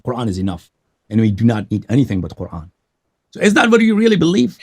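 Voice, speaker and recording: A man hosting a live call-in debate, pressing his guest with animated, challenging questions. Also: mid-range voice, fast talker, slightly rough. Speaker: show host.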